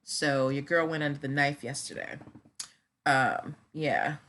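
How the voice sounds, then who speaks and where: A woman hosting a casual livestream, chatting directly to viewers in a subdued manner, a little slowed after surgery. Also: very deep voice, lively intonation, a bit bright, slight background noise. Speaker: livestream host discussing trademarks.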